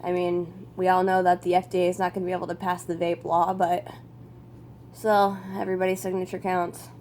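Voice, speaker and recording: A woman's voice: fairly low pitch, monotone, fairly quick, darkish tone. Playful young woman vlogging over background noise. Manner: playful, teasing, sweary. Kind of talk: casual chat to camera.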